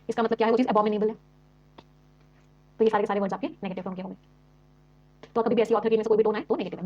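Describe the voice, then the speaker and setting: A woman English teacher rattles through an exam-prep vocabulary lesson at breakneck speed, her voice sitting fairly high. She keeps quizzing the class with rhetorical questions and switches between Hindi and English words. The recording sounds dull and lo-fi. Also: darkish tone. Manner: mixes Hindi explanations with English terms.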